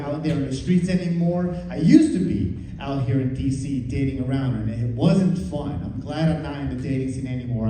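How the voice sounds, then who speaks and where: A man's voice: medium pitch, mellow. Echoey, self-deprecating male stand-up comedian. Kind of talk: stand-up comedy, conversational storytelling to a live audience. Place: live comedy room with audience. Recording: echoey room, distant, faint noise.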